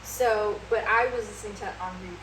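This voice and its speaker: A woman's voice: medium pitch, steady tone, fast. A young woman co-hosting a casual podcast chat, easygoing and self-deprecating as she shares her music stats. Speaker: podcast co-host. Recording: echoey room, distant mic, clear background noise.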